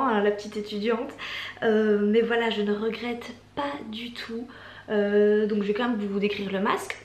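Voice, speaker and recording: Chatty young woman, echoey room. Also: a little high. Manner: chatty, enthusiastic, many fillers. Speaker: beauty and lifestyle vlogger. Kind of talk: casual product favorites talk.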